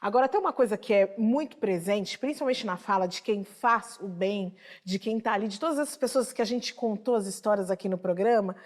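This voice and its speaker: A woman's voice: mid-range voice, fairly quick, few pauses. A woman hosting a TV talk show, asking engaged questions and introducing stories. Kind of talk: TV studio conversation.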